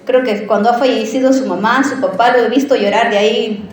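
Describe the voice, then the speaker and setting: A woman preacher giving a sermon in a church, telling a personal story in an animated, conversational way and often asking the listeners questions. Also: a little high, brisk, heavy reverb.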